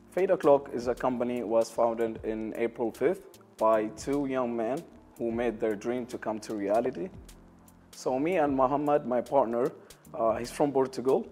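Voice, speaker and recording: A man's voice: medium pitch, dark tone. Hesitant young Syrian man, lapel mic. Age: young adult. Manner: hesitant, many uh fillers, non-native English grammar. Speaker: barbershop owner, interview guest. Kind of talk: interview answers. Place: lounge area of a barbershop, indoors.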